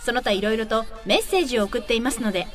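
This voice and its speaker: A woman's voice: on the high side, lively intonation, racing, faint music behind. A woman reading the show's closing announcements in a polite manner.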